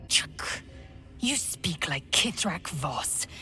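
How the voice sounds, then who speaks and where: A woman's voice: deep voice, big pitch swings, very slow, sharp tone, soft background music, full character voice. An actress playing a proud, severe alien warrior woman in a video game, speaking with indignant, betrayed anguish. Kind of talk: dramatic video game acting.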